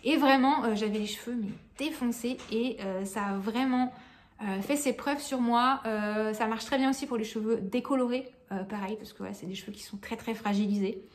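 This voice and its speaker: Woman, slightly high voice, chatty, filler-heavy, frank, casual product review. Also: normal speed. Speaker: beauty vlogger.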